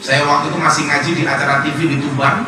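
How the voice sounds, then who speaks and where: A man's voice: on the high side, flat delivery, quick pace. A man preaching a sermon, telling a personal story and building to impassioned pleas. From Indonesia. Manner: emotional, rising to impassioned pleas. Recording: echoey, distant mic with noise.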